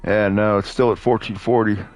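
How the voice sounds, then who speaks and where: Streamer, male, low-ish voice, casual hesitant gameplay chatter. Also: steady tone, brisk. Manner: rambling, offhand, hesitant. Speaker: live stream gamer.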